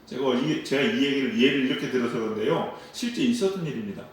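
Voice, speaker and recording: A man's voice: medium pitch, animated, quick pace, recorded from a distance, a little hiss or hum. A man preaching a sermon as pastor, acting out quoted dialogue and asking the congregation questions. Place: church sanctuary at a dawn service. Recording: echoey church sound from away from the mic.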